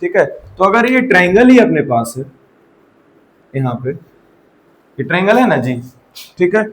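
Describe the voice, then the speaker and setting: A high, sing-song male voice moves at a measured pace through a maths lesson, captured with poor audio. As in a typical classroom lecture, he quizzes his students often and checks they follow with repeated "theek hai."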